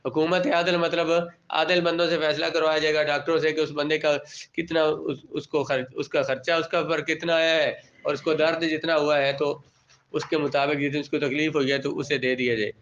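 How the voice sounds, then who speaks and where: A man with a fairly high voice teaches a class, reading out terms from an old text and explaining each in simple words. He often asks a question and answers it himself. The recording sounds dull and lo-fi. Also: level tone, a bit bright. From Pakistan. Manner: reads Arabic terms, then explains each in plain everyday words. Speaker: religious studies teacher.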